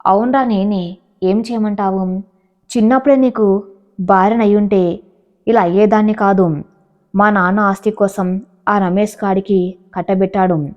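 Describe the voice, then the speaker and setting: A woman's voice: medium pitch, steady tone, measured pace, pauses often, close to an everyday voice. A woman voicing a scheming, deceitful young woman. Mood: spiteful. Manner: pleading, then spiteful. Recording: dull lo-fi audio.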